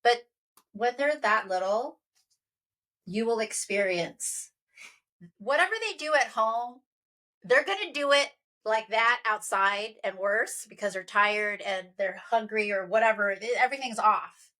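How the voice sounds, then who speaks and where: A woman in her thirties, co-hosting a podcast, telling a story in an animated way. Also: a little high, a little slow. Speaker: podcast co-host. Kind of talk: casual chat.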